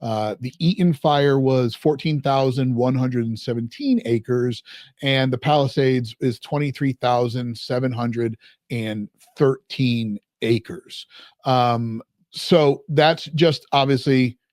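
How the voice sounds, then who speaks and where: A man's voice: mid-range voice, a little mellow, no echo, clean studio sound. A man hosting a casual podcast, rambling a little and reading out numbers. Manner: rambling, reads out figures. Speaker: podcast host.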